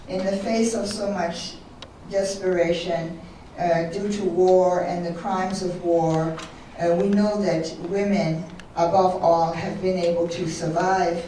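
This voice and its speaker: Female moderator, formal and deliberate, warm low voice, distant hall sound. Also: slight background noise. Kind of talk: introducing speakers at a forum. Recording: echoey hall from far off.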